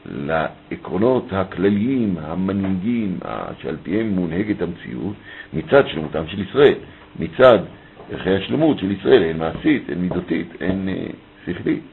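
Lower-voiced man teaching over thin audio. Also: very animated, vocal fry, a little hiss or hum. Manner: reads a passage aloud, then explains it phrase by phrase. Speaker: Torah teacher. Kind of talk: text study lesson. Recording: thin phone-like audio with faint ambience.

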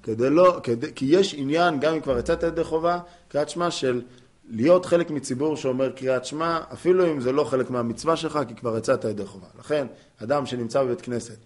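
A man gives a Torah class in a plain middle-pitched voice. He explains the law patiently, stopping often on fillers before he finds the next point. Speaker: rabbi teaching halakha. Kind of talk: torah lesson.

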